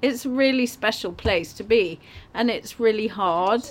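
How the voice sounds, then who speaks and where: A woman's voice: mid-range voice, unhurried. A woman who is a head chef, talking enthusiastically about her kitchen and its food in a casual conversation.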